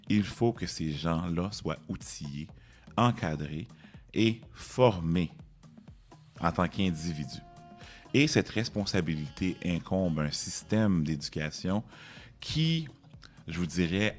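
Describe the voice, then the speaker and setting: A male radio host with a deep voice. He talks emphatically and conversationally, leaning on key words while he introduces and questions his guest. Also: darkish tone. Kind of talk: radio interview hosting.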